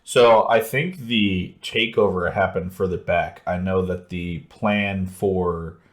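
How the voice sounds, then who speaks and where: A man co-hosting a book discussion podcast, chatty and rambling. His voice sits very low, and he keeps circling back through his points in easygoing talk. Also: steady tone, slow pace. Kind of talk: casual chat.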